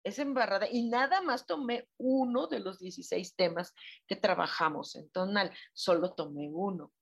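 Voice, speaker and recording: A woman with a Mexican accent, a spiritual guide answering listener messages in a live reflective chat, asking gentle questions with frequent exclamations. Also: medium pitch, normal speed, gravelly. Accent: Mexican Spanish.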